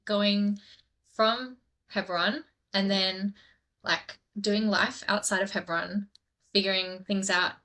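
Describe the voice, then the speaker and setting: A woman hosting a podcast in a relaxed, chatty way, laughing easily and dropping into soft asides. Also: medium pitch, slow pace. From grew up in southern India. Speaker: podcast host. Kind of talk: casual podcast chat.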